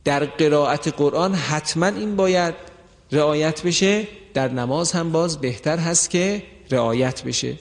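Man, Quran recitation teacher, slightly high voice, long echo, slow careful examples. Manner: slow, deliberate drawn-out example words. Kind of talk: tajweed lesson with recited examples. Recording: long hall reverb.

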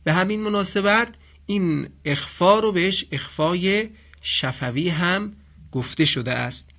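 Guy teaching quran recitation, fairly high voice, patient, slows right down to chant examples. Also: fairly bright tone. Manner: patient, explanatory, slowly chants example phrases. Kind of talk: radio-style tajweed lesson.

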